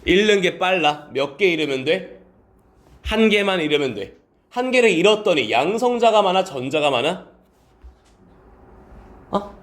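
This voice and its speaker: Lively high-voiced male teacher quizzing students. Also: unhurried, long pauses. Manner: calls on students by name and quizzes them, answering his own questions; polite teacher speech mixed with casual student talk. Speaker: science teacher. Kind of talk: classroom lecture with questions to students.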